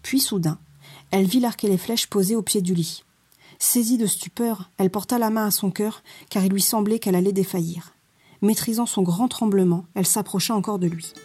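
A woman reads a storybook tale in a measured, expressive way. Her voice is mellow and dark, with a husky grain. It suits a calm bedtime telling. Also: medium pitch. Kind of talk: storybook narration.

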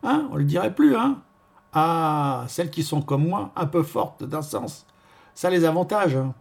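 A man voicing a plump, gossipy middle-aged female concierge in a storybook reading, chatty and insistent, with a husky edge. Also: a little high, expressive, unhurried, voice pushed up. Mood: boastful.

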